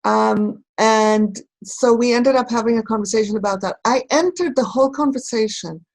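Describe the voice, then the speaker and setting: A woman from Israel speaking reflectively in a recorded conversation, pausing and searching for her words. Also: a little high, a little mellow, poor audio. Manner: thoughtful, halting, searching for words. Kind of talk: reflective talk.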